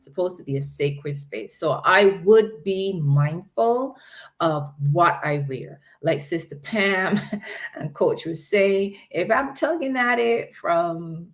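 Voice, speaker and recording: A woman's voice: fairly low pitch, expressive, takes it slowly. A woman on a church panel discussion, speaking reflectively and thinking aloud, often murmuring agreement.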